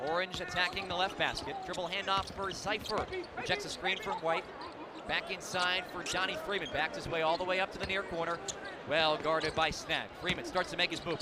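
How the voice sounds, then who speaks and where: This American man's voice sits high and moves fairly quickly as he does live radio play-by-play of basketball. His terse, descriptive calls build on big plays, and the indoor arena's noise and bouncing basketballs are clearly audible.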